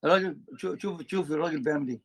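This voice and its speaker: Egyptian sheikh, brisk and lively, teasing his class mid-lesson. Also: a little high. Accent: Egyptian Arabic. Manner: animated, teasing students, switches between colloquial and formal Arabic. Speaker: sheikh teaching a religious lesson. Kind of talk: religious lesson with banter.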